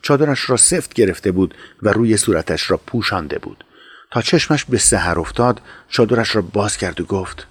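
A man narrating an audio drama in a slow, measured storytelling voice. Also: on the low side, animated, breathy edge, no room sound.

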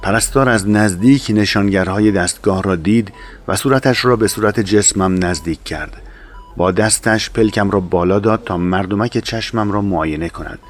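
Deep-voiced calm male audiobook narrator. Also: slight background noise. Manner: measured, calm storytelling.

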